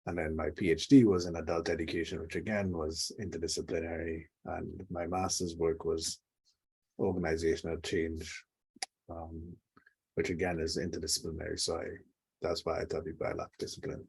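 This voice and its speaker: A middle-aged man from Trinidad and Tobago speaks as an interview guest, reflective and drily funny. His voice sits very low and has a husky grain. He sounds a little away from the mic, as on a remote call. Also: steady tone, moderate pace, a little mellow, low-quality recording. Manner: reflective storyteller, dry humor. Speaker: guest, leadership coach. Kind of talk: conversational interview.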